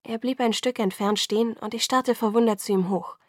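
A woman narrating an audiobook in first person, calm and measured, close to the mic. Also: on the high side, dry recording.

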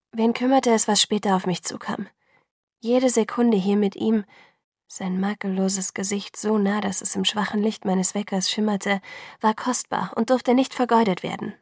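Gravelly woman reading a novel aloud. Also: mid-range voice, a little mellow, no echo, clean studio sound. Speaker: audiobook narrator. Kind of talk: scripted narration.

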